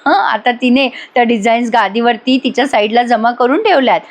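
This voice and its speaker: High-voiced woman retelling a TV episode. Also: brisk. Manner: chatty storytelling, addressing viewers directly. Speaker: TV serial reviewer. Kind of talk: voice-over episode review.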